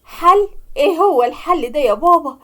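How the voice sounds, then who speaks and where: A woman's voice: sits high, expressive, moderate pace, bright, forceful tone. A woman with an Egyptian accent voicing an impatient, eager young daughter in a cartoon story. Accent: Egyptian Arabic.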